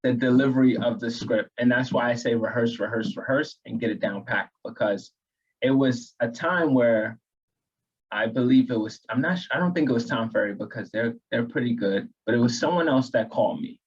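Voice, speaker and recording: A man from New York explains sales tips in a steady, earnest coaching manner. His voice is husky and mid-pitched, and the lo-fi recording takes the edge off it. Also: a little fast. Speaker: real estate agent co-host. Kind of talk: casual training chat.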